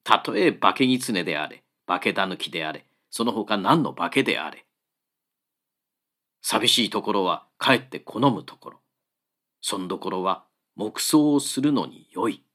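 Calm, fearless old-style monk, cheerful, a touch lower and slow, as a male reader voices him. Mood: serene. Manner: cheerful, steady, archaic speech.

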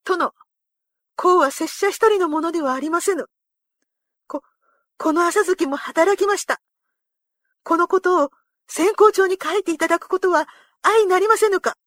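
Brief: woman voicing an earnest young samurai, bright and high, respectful and keen, storybook reading. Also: moderate pace, long pauses, no room sound, clean studio sound. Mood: eager. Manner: eager, raised and respectful. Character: earnest young male samurai, devoted to his horse.

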